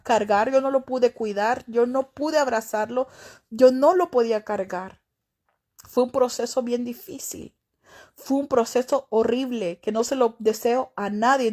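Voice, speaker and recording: A middle-aged woman pastor preaching with fervent emotion, her voice sitting fairly high but soft and mellow in tone. She leans on repetition, circling back over phrases as she builds her testimony sermon.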